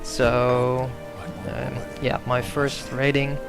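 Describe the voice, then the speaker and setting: A young Dutch-speaking man narrates his own strategy game match as casual gameplay commentary, his gravelly, mid-range voice flat and extremely slow over clearly audible background music. He hesitates constantly, filling pauses with ums and correcting himself mid-sentence.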